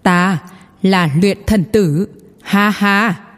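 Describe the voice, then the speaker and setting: Woman doing a boastful old puppet for a storybook, worked up and proud, soft clarity, big hall reverb. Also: medium pitch, measured pace, breathy edge. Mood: smug. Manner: excitable, proud, declamatory. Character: boastful, indignant old puppet, self-proclaimed master artificer.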